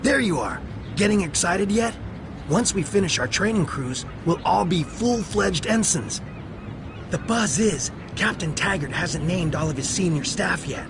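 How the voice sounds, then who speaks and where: A man's voice: sits high, measured pace, background noise. A man playing an eager, gossipy young space academy cadet in video game dialogue. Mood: excited, chummy. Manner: excited, gossipy.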